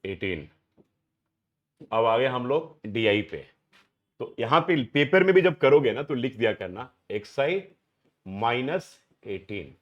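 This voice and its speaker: A man's voice: medium pitch, sing-song, takes it slowly, long pauses, muffled recording. A middle-aged man from India teaching math to a live class, keeps quizzing students as he works through each step. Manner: questioning students, mixing Hindi and English. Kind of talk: classroom lecture.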